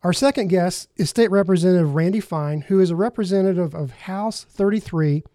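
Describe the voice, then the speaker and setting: A man hosting a talk show, speaking earnestly and pausing with fillers and restarts. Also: high voice, warm tone, no echo, studio quality. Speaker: host.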